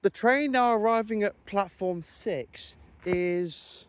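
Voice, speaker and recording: A man's voice: high-pitched, takes it slowly, slight background noise. A man doing his own train station announcements on a railway platform, reading out platforms, times and destinations in a formal announcer cadence.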